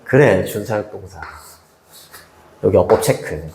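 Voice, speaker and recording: Lively male English teacher in an echoey room. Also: fairly low pitch, unhurried. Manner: lively, chatty, keeps asking students "right?". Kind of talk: high school English lesson.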